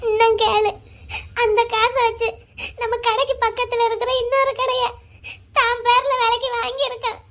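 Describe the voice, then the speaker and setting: A woman voicing a tearful young wife in a cartoon drama, speaking in a soft, pleading way. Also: very high-pitched, flat delivery, normal speed. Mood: confiding. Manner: pleading, pouring out her grievances. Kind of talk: cartoon voice acting.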